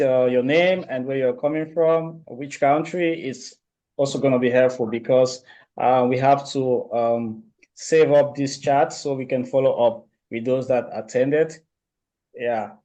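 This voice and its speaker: A man hosting an online video meeting, speaking slowly with many pauses and fillers. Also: mid-range voice, warm tone, low-quality recording. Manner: slow, halting, many fillers. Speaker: meeting host.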